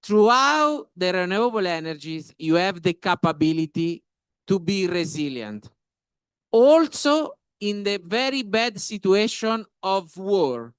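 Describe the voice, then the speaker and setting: Speaking as a panelist, an Italian-accented professor delivers his remarks slowly, one phrase at a time, his non-native English halting but forceful and his voice smooth and fairly high. There's no room sound at all.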